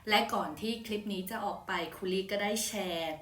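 Young woman teacher, chatty phonics lesson, drags out each word slowly, bit far from the mic, echoey room. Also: mid-range voice, slight background noise. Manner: chatty, polite, slow deliberate word demonstrations. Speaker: English teacher. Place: hot room. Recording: roomy echo, voice from a distance.

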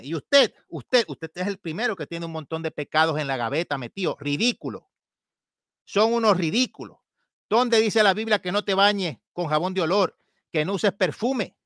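This is a man delivering a combative sermon, quick to scold and mock his critics. His voice sits high and sounds bright and sharp. The recording is dry and close, with no room sound around him. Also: no echo. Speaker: preacher. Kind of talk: sermon-style commentary.

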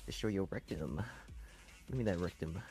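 A young man casually commentating a game, rambling and excitable with crude jokes. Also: deep voice, moderate pace, faint music behind. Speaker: gameplay commentator.

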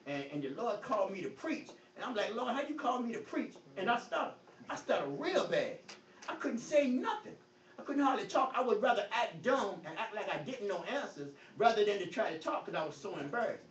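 At a church hall Bible study, a pastor with a high voice delivers a preachy, emphatic talk at a fairly quick clip, very animated, rising and dropping in volume; he mentions his own stutter. The recording comes from a phone far across the room, leaving it echoey, faint, muffled and a bit hissy.

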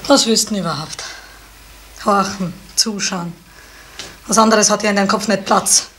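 An actress playing a scolding, bossy village innkeeper in a 1970s radio drama. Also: female voice, medium pitch, fairly even intonation, close to an everyday voice. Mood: scornful. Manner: scolding, bossy, quick to shout. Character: sharp-tongued village innkeeper woman. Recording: echoey, hissy 1970s radio play.

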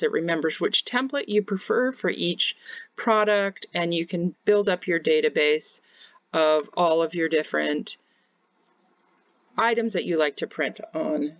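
A woman's voice: on the low side, unhurried, no echo, highs cut off. Woman explaining labels step by step. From Kansas, United States. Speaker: home bakery business teacher. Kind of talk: screen-share software tutorial. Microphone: webcam in corner of screen share.

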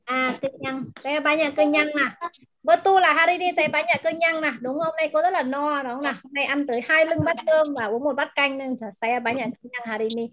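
A woman teacher in an online class, patiently explaining words and pronunciation and repeating them slowly over a video call. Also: high-pitched, fairly bright tone, slight background noise. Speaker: language teacher.

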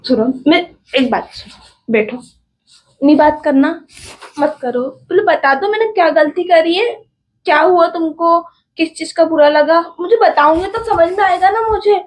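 High-pitched young Hindi-speaking woman pleading. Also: moderate pace, low-quality recording. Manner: pleading, repeating herself. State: tearful, crying. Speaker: vlogger, wife being pranked. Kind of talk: casual home vlog, pleading.

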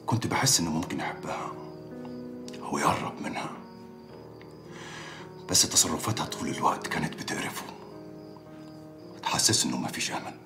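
A man's voice: a bass voice, animated, moderate pace, pauses often, over music. An actor playing a troubled man who confides about a friend's marriage, speaking in a subdued, brooding way with an Egyptian accent. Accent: Egyptian Arabic. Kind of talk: TV drama acting.

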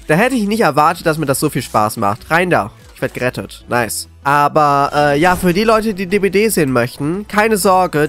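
Excitable, scared horror game streamer, animated man. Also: fairly high pitch. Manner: excitable, jittery, repeats words. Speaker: gaming video creator. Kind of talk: scared horror game commentary, reacting live.

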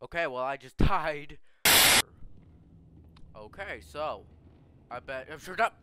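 A young man streaming horror games, scared and jumpy, bursting into yells and exclamations as he reacts into a headset mic. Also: on the high side, animated, slow. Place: small indoor room at home. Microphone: headset microphone. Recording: clearly noisy gaming headset recording.

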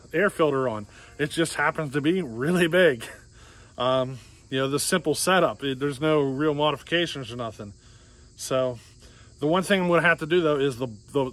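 Outdoor vlogger, man in his 40s, a touch higher-pitched, casual rambling with chuckles, crickets chirping behind. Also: fairly bright tone. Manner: rambling, chuckling, filler-heavy. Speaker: chainsaw builder. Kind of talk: casual workshop vlog. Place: outdoors in a grassy yard. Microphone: camera close up, handheld.

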